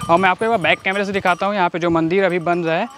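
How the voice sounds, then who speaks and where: A man's voice: high voice, steady tone, very fast, a bit bright, poor audio. A young man in his twenties narrating a casual travel vlog outdoors, chatting with viewers as he walks and rides. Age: 20s. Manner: chatty, keeps addressing viewers as brother. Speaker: travel vlogger. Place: outdoors on roads and forest trails. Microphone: handheld action camera and bike-mounted camera. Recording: outdoor noise on a camera mic.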